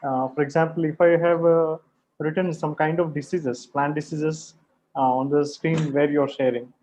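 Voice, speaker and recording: A woman on a video call puts a question to the presenter, polite and a little hesitant, with frequent pauses and fillers. Her voice sits low for a woman. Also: fairly even intonation, mellow, rough recording. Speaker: participant asking questions. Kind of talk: question in online session.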